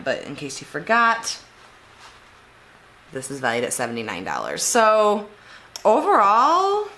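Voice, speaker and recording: A woman's voice: deep voice, bright, forceful tone, a little hiss or hum. A young woman with a nasal voice, chatting casually in a vlog as she reviews a subscription beauty box, giving frank opinions with fillers. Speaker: beauty vlogger.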